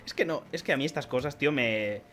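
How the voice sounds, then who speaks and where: Speaking fast in a medium-pitched voice, a young man from Spain with a Spanish accent rambles through a pack opening vlog. He's a card collecting YouTuber, chatty throughout, with sudden bursts of excited shouting and laughter.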